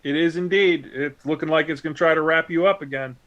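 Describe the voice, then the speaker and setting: A man's voice: fairly high pitch, fast talker, fairly bright tone, muffled recording. A man running a tabletop game as game master, describing monster attacks and calling on players, with hesitant fillers.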